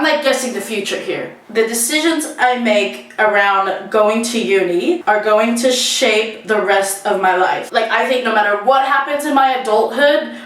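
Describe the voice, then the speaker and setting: A woman vlogger in her twenties talks in a candid, rambling, casual confessional way and swears freely. Her voice is fairly high and a bit bright. She's recorded on a distant mic in a small indoor bathroom that makes the sound very echoey.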